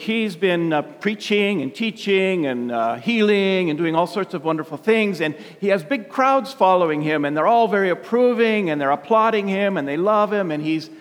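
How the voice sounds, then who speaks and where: A man preaching a conversational sermon in an informal storytelling way, repeating words for emphasis. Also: high-pitched. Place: large reverberant church. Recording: long reverberant church echo.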